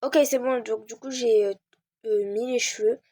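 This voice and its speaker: A woman's voice: fairly high pitch, fairly even intonation, normal speed, dark tone, no room sound, studio quality. A teenage girl giving a casual screen-recorded game tutorial, hesitating often with fillers while she searches.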